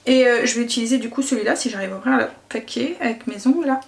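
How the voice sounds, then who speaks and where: A mother who vlogs talks quickly in a slightly high, creaky voice during a casual makeup tutorial. Chatty throughout, she narrates every step with little interjections and regularly trails off, corrects herself, and starts over.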